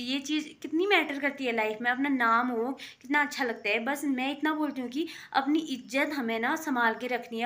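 Young female vlogger, home setting, chatty and rambling, earnest, slightly high voice. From Indian hills. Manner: chatty, rambling, with many fillers; earnest, gently pleading. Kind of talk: casual daily vlog monologue. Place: at home, sewing.

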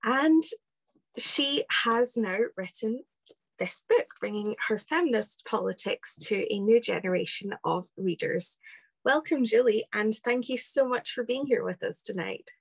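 A woman's voice: a little high, a little slow, creaky, breathy edge, no room sound, low-quality recording. A woman hosting an online conversation, speaking close to her computer on a video call. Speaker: host of online book launch. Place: book-lined home room, indoors. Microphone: close to laptop on video call.

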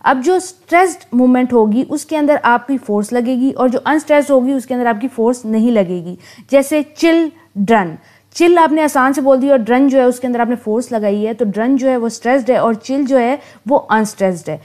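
A young woman with a fairly high, mellow voice gives a recorded lecture on poetry. She explains in a relaxed way, then slows right down to read definitions word by word. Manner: switches to slow, careful reading for English definitions. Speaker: literature teacher.

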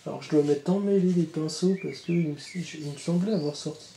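A man talks his way through a casual card unboxing, chatty and loose, with a mellow, darker voice. He rambles with fillers and swears offhandedly. The room around him is roomy and echoey, with a faint hum of background ambience. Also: fairly high pitch, a little fast, gravelly. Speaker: channel host opening trading card boxes. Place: indoor room with birds outside.

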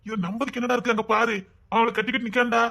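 A man's voice: extremely high pitch, level tone, racing, vocal fry, sharp tone, full character voice. An actor with a Tirunelveli Tamil accent playing a young man who mockingly needles his heartbroken friend in a comedy sketch. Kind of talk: comic sketch banter.

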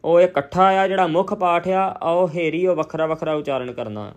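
A man teaching scripture recitation, chanting verses slowly and evenly, then explaining pronunciation points more quickly. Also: on the high side, animated.

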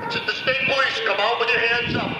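A police officer barks commands at a house through a megaphone, his voice pitched high and strained. He sounds far from the mic, with his words ringing off the street in a long echo. Heavy background noise sits under the commands. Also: steady tone, quick pace. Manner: commanding, repetitive orders. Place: outdoors on a street. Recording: echoey, distant, noisy street recording.

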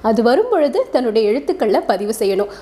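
Female narrator, fairly high, mellow voice, relaxed explanatory storytelling. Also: quick pace. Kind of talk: narrating a short story with introduction.

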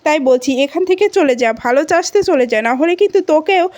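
A woman voicing a gang of bullying young male thugs in her own high, quick retelling voice. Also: expressive, a little mellow, dry recording. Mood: threatening.

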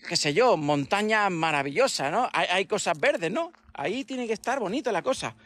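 A man hosting a casual livestream chat, talking in an animated way with rhetorical questions and mocking imitations. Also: high-pitched, moderate pace. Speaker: livestream host.

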